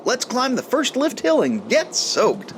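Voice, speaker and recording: A man's voice: very high-pitched, wildly swooping pitch, unhurried, noisy background. A man hosting a ride video with upbeat scripted narration and a chatty way of addressing viewers. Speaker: host narrator of a theme park ride video. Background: music.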